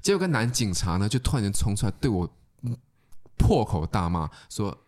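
A man chatting casually, telling an animated story, often laughing and stammering when he gets worked up. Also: on the low side, brisk. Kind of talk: casual chat. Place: lives in Australia.

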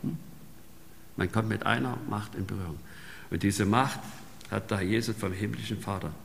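A man's voice: on the low side, fairly even intonation, moderate pace, vocal fry, a little hiss or hum. A man preaching a sermon in a conversational way, often ending sentences with a questioning "ne?". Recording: long reverb in a large hall.

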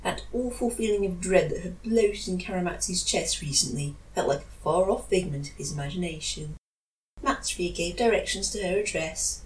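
A woman reading fan fiction aloud, expressive in her storytelling. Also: on the low side, a little hiss or hum, low-quality recording. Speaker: reader.

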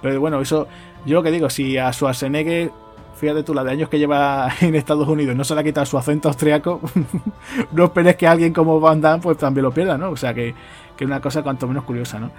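Slightly high-voiced guy chatting about movies on a podcast, faint music underneath. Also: fairly even intonation, quick pace, a little mellow. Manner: chatty, tags phrases with "¿no?". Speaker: podcast co-host. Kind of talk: casual film podcast chat.

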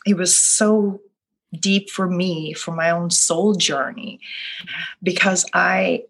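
Speaking slowly in a lowish, steady voice, a middle-aged woman from Sweden who works as a life coach thoughtfully describes her journey in an interview. Swedish is her native tongue, and her soft-spoken reflection is full of restarts.

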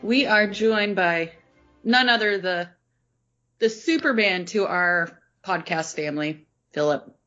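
A woman's voice: mid-range voice, takes it slowly, pushed and bright, faint music behind. A woman chatting casually as a podcast host. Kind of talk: casual chat. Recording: slightly dull, compressed audio.

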